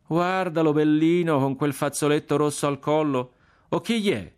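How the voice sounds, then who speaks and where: A man's voice: a little high, normal speed, darkish tone, smooth, voice pushed up, close to an everyday voice. A man voicing a defiant, mocking young Florentine prisoner with a Florentine accent and swaggering, scornful banter.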